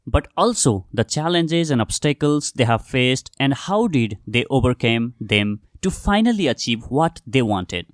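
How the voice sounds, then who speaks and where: Earnest young podcast host. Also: male voice, medium pitch, no echo, clean studio sound. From Nepal. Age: young adult. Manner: earnest, addresses listeners directly as "guys". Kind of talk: scripted solo podcast monologue.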